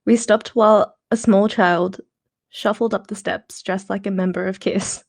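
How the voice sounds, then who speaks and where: Giggly woman reading aloud with vocal fry. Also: mid-range voice, steady tone, a little slow. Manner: giggly, chatty, apologetic asides. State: slightly out of breath. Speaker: book reader on a livestream. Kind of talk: reading a novel aloud with chatty asides.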